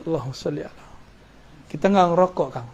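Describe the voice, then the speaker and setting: A man preaching a study sermon in a relaxed, joking way, quoting Arabic verses and chuckling between points. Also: a little high, quick pace, creaky, husky. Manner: casual, joking asides, chuckles; quotes Arabic verses with religious terms.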